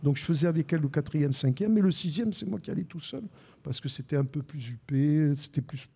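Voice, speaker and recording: An older man with a Marseille accent, telling lively anecdotes as a podcast guest and acting out the dialogue. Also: fairly high pitch, fairly quick, gravelly, breathy edge. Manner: animated anecdotes with repeated restarts and acted-out dialogue. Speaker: guest, former sports radio commentator. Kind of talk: storytelling in a live podcast conversation.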